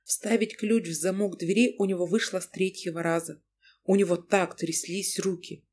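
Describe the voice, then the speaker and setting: A woman narrating an audiobook in a measured, dramatic storytelling manner. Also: fairly low pitch, fairly even intonation, a little mellow, husky. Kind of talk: audiobook reading.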